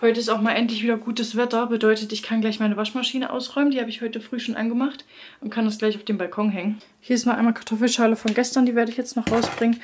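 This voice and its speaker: Speaking fast in a highish voice with little pitch movement, a family vlogger in her thirties and mother of three talks casually to the camera. The daily vlog is shot indoors in her furnished home on a handheld or propped camera at arm's length.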